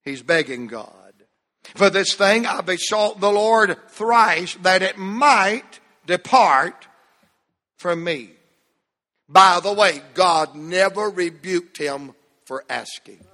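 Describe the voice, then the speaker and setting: A man preaching a sermon to his church, with emphatic delivery, dramatic pauses and phrases that fall away at the end. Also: high voice, lively intonation, sharp tone. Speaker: pastor. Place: church sanctuary. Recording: long reverb of a large hall.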